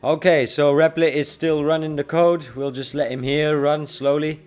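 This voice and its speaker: With music in the background, a forty-something freelance web developer livestreams, talking to viewers in a relaxed, slang-heavy way. His voice sits a little high with little pitch movement, and it's clear, resonant, and slightly mellow at a moderate pace.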